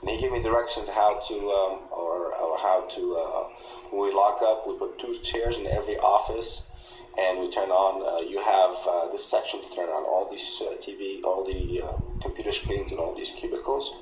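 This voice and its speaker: Brief: low male interviewee, halting and aggrieved, roomy echo. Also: fairly even intonation. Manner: halting, aggrieved retelling with many restarts. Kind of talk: recorded interview. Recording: echoey room with faint noise.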